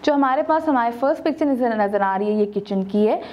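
A woman's voice: on the high side, expressive, quick pace, dull audio. A young woman teaching a textbook video lesson, switching between Urdu and English and stretching words out syllable by syllable to show pronunciation.

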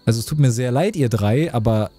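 Chatty male streamer, mellow tone. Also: mid-range voice, expressive, brisk, soft background music. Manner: chatty, joking, reads out chat messages. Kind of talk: casual live-stream gameplay chat.

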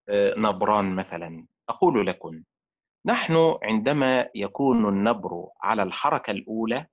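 A male lecturer teaching an online class. He speaks slowly and deliberately, sounds out syllables, and leaves questions half finished for his students to complete. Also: medium pitch, a bit bright. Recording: dull lo-fi sound.

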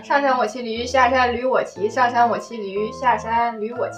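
A young woman with a high voice recites tongue twisters in a casual way. She sounds set back from the mic in an echoey room, with music playing. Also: fairly even intonation, normal speed, distant mic. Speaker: challenge contestant. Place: living room at home.

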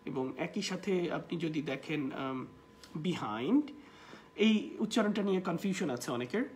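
A teacher with a Bangladeshi accent running a live online class, explaining and then saying model words slowly for the viewers to repeat. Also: medium pitch, darkish tone. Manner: slow, stretched model words between quicker explanations. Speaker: English pronunciation teacher.

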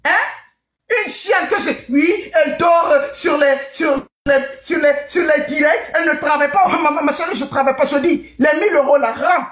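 A woman hosting a live stream, shouting scornful insults with mocking laughs. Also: high voice, normal speed, echoey room.

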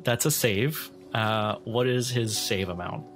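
A man with a lowish, unhurried voice acts as game master for a tabletop game, narrating and improvising scenes for his players. Music plays underneath his voice.

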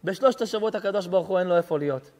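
A man's voice: high voice, darkish tone. A male rabbi giving an impassioned sermon, telling a parable and asking rhetorical questions. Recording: reverberant hall.

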